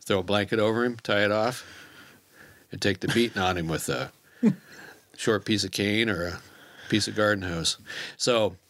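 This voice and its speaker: Low-voiced wry storyteller man. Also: steady tone, moderate pace, pauses often, a bit bright. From Ozarks and Kansas City. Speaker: guest trapper. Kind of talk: casual chat.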